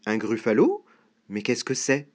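A storyteller voicing a sly, hungry snake in a read-aloud storybook, speaking low and soft. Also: expressive, slow. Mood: sly, coaxing.

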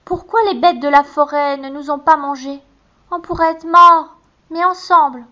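A woman's voice: sits high, steady tone, normal speed, pushed and bright, highs cut off, voice pushed up. A woman voicing a frightened little girl who pleads through tears. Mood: pleading. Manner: pleading, tearful.

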